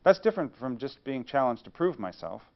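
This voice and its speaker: Male lecturer, mid-pitched voice, rhetorical question-and-answer lecture style, slightly muffled recording. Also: very animated, a little fast. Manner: rhetorical, poses questions then answers them. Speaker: engineering studies lecturer. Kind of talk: university lecture.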